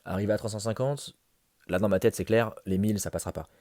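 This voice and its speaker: A man with a lowish, mellow voice recaps a workout challenge in an informal vlog voice-over. He talks conversationally, as if thinking out loud to his viewers, and the sound is close and dry. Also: fairly even intonation, fast, no room sound. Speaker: fitness challenge vlogger.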